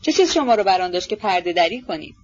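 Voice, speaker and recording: A woman voicing an earnest young gentleman who sternly reproaches someone in a storybook reading. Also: mid-range voice, lively intonation, highs cut off, lightly acted. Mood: reproachful.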